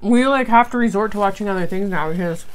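A woman's voice: mid-range voice, fast talker, poor audio. A woman in her thirties chatting casually while eating, chewing between phrases, recorded in a room at home. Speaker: mukbang vlogger. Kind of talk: casual chat. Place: small room at home, indoors.

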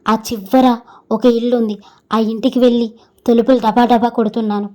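A woman narrating a first-person horror story in an even, measured reading. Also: on the high side.

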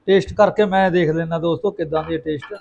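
High-voiced, exclamatory Punjabi man. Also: steady tone, a little fast, vocal fry, darkish tone, highs cut off. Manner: exclamatory and playful, repeats phrases. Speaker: home cooking vlogger. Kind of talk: casual chat to viewers while cooking.

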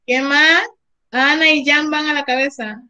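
A woman's voice: high voice, steady tone, unhurried, bright, forceful tone, poor audio. A woman English teacher with a Panamanian Spanish accent, coaching students in an online class, encouraging and praising, switching between Spanish and English.

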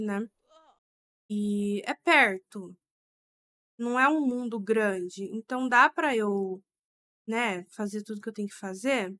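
A woman's voice: a little high, bright, forceful tone. A young woman giving chatty, exclamation-filled commentary while playing a life-simulation game and talking to her viewers. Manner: chatty, exclaiming, talks to the audience as "gente". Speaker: gaming streamer. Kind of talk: casual let's-play commentary.

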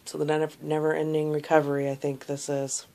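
A woman in her thirties with a gravelly, sore-throated voice, giving a casual, low-energy video diary update while lying down. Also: completely flat delivery, a little fast, mellow. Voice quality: gravelly, creaky. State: sore throat while recovering from tonsil surgery. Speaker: vlogger giving a surgery recovery update. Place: small indoor room, lying in bed. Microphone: phone held at arm's length.

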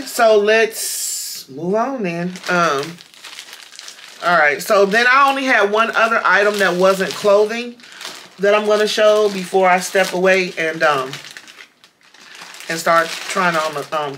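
Woman vlogger, slow unhurried delivery, bright forward tone, chatty with fillers, faint hiss behind. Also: medium pitch. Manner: chatty, addresses viewers as y'all, many fillers. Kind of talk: casual unboxing chat.

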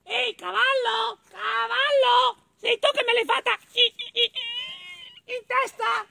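A man reading a children's story and voicing a small, fussy, indignant female mole in a squeaky, exclaiming voice. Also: steady tone, slow, vocal fry, bright, forceful tone, heavily acted. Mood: accusing.

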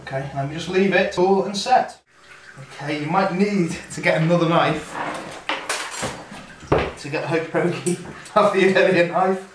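He's a chatty cooking show host in his 30s with a slightly high voice, speaking at normal speed but leaving long pauses as he works the stove. The casual demonstration takes place in a home kitchen at night, echoey and captured by a camera mic across the room. Slight background noise accompanies the roomy, distant sound.

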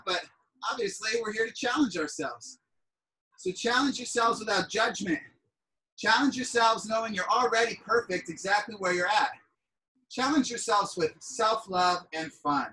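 A woman's voice: medium pitch, moderate pace, bright, forceful tone. A woman leading a fitness class as instructor, coaching with countdowns and upbeat, hyped encouragement, often raising her voice to cheer people on. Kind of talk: energetic workout coaching with countdowns. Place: indoor room, live group video call. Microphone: device set back from the exerciser. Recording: distant mic on video call.

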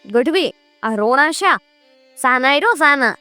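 A woman's voice: sits high, animated, slow pace, pushed and bright, dry recording, faint music behind, voice pushed up, heavily acted. A woman voicing a proud male king in a spoken folk tale, asking curt, commanding questions. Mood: puzzled. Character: proud king questioning a wailing bard, man.

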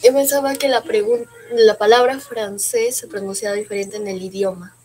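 A woman's voice: fairly high pitch, steady tone, normal speed, darkish tone, rough recording. A young woman with a Peruvian Spanish accent speaks as a student in an online class. She is hesitant and asks her question with care. There is faint noise behind her voice. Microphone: video call.

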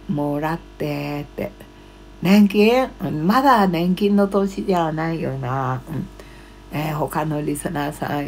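Gravelly low-voiced woman in her seventies. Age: 70s. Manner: short murmured acknowledgements, halting comment reading. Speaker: live streamer. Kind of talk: casual chat, reading out viewer comments. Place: small cluttered room at home, indoors. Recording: low electrical mains hum.

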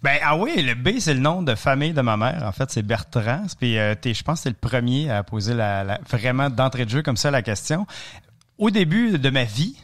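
A man, a guest in a casual interview, telling anecdotes in a relaxed way with dry humor. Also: medium pitch, moderate pace. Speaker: guest, cycling adventurer and author.

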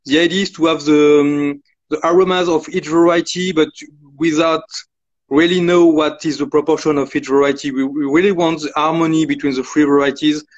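A man's voice: a little high, steady tone, a little fast. Man with on a glitchy, cutting-out call. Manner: hesitant, many fillers and restarts. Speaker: cellar master guest. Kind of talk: interview over video call. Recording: muffled lo-fi call audio.

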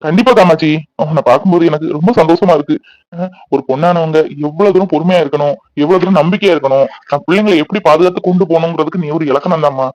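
A man's voice: on the high side, very fast, darkish tone, no echo, highs cut off, close to an everyday voice. A man voicing a proud older grandfather in a cartoon, earnestly praising his wife.

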